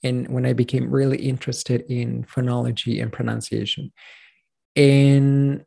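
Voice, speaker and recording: A Chilean man in his thirties, a native Spanish speaker, has a medium-pitched voice that is gravelly, mellow, and husky, with a level tone and measured pace. Working as a pronunciation coach, he tells his story in a casual interview, earnest and rambling with restarts.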